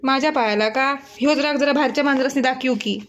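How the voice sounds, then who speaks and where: A woman's voice: high voice, fast, dull audio, slight background noise. A woman talking affectionately to her pet cat at home, teasing and coaxing it. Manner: teasing, coaxing, laughs often. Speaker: pet vlogger.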